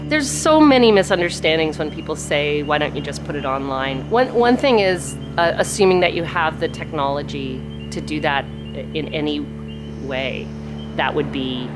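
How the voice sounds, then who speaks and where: A woman's voice: low-pitched, animated, normal speed, over music. A woman giving emphatic, argumentative answers as a performing artist in a documentary interview.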